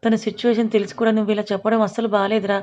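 A woman's voice: mid-range voice, little pitch movement, rapid-fire, darkish tone, dull audio, natural voice. A woman reading the lines of a worried male friend who scolds and reassures. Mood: chiding. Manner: chiding, reassuring.

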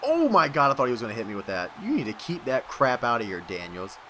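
A man hosting a gaming video, giving excitable let's-play commentary, yelling, laughing and trash-talking his opponent. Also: on the low side, fast talker, a little hiss or hum. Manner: laughs often.

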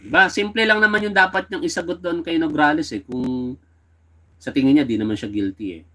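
A man's voice: fairly high pitch, a little fast, sharp tone, slight background noise. A man giving casual commentary on a clip, talking in a conversational, chiding way with rhetorical questions. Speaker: political commentator.

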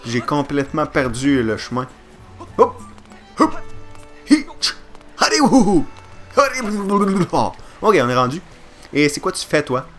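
A man with a Quebec French accent doing let's play commentary, excitable and jokey, swearing and yelping at the game. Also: medium pitch, unhurried, pauses often, faint music behind.

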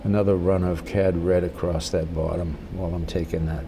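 An older man speaks as a gentle painting instructor, in a low, gravelly voice. He guides casually and encouragingly through each step, unhurried, with some steady noise behind him. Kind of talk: casual spoken painting tutorial.

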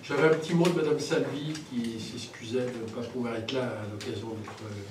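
A man chairing a town council meeting, brisk in how he hands out the floor. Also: mid-range voice, fairly even intonation. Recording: echoey room, distant mic, noise.

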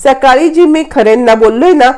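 A woman's voice: high-pitched, moderate pace, warm tone, natural voice. Young husband figure, scheming, smug, voiced by a woman narrator.

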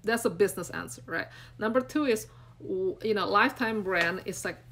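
An Indonesian woman in her forties, a brand coach, hosts an unscripted live stream from her phone held at arm's length in a small room, talking to viewers with an Indonesian accent. She rambles earnestly and encouragingly, using many fillers. Her voice is medium-pitched and a bit bright at a moderate pace, with a little hiss or hum.

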